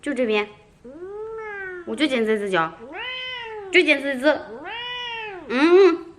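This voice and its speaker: Woman pet vlogger at home coaxing her cat in sing-song baby talk; high, bouncy voice with faint room noise. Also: animated, takes it slowly, crowd noise. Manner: coaxing, playful scolding. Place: home, indoors.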